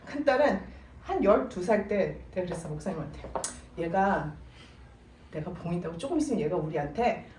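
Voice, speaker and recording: Casting note: middle-aged woman speaker, lively pitch, church seminar, heard from afar in a roomy hall with faint hiss. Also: normal speed. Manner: animated storytelling, mixes English words into Korean. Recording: echoey room, voice from far off, faint noise.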